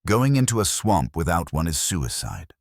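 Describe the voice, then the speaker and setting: A man voicing a gruff, snappy army sergeant who grumbles, in a dark fantasy audio story. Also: sits low, sing-song, normal speed, dry recording, clean studio sound, heavily acted. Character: gruff male sergeant, grumbling, swamp guide.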